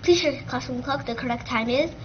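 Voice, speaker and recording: A teenage girl co-anchoring a school morning news show, reading announcements in a brisk, upbeat way. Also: sits high, highs cut off, a little hiss or hum. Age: teens. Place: school TV studio, green screen.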